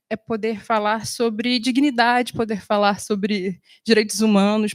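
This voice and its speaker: A woman's voice: on the high side, no room sound. Thoughtful woman film editor, dry sound. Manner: thoughtful, with frequent fillers and soft pauses. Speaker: film editor and video editing teacher on a panel. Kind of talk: reflective panel talk.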